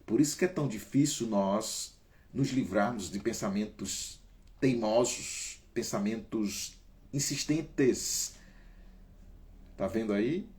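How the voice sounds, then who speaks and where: A man's voice: on the low side, slow pace. A man from Brazil hosting a casual talk, coaching listeners through breathing exercises and calling on them by name. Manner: animated, emphatic, varies pace and loudness. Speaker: host.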